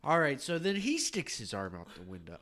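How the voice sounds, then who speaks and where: Male co-host, casual chat, lively swinging pitch, animated joke teller. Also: fairly quick. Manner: animated, laughs at own jokes. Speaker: podcast co-host.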